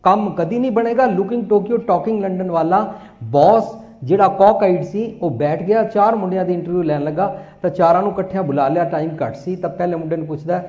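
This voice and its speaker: Echoey male preacher, mellow dull sound. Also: high voice, a little fast. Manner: preaching, switching between Punjabi, Hindi and English. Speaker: Sikh religious speaker. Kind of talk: Punjabi sermon with scripture recitation.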